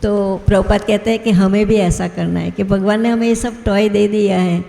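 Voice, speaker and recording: A woman's voice: mid-range voice, steady tone, normal speed, gravelly, dark tone. A woman giving a devotional talk to a gathering, telling anecdotes and chuckling as she goes. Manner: storytelling, chuckles often. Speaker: guest speaker at a devotional gathering. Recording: echoey hall with long reverb.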